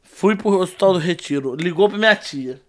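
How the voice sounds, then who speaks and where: A young Brazilian man telling a dramatic story in casual chat, exaggerated and animated, shrieking when he quotes people. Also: high-pitched, moderate pace. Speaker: storyteller guest.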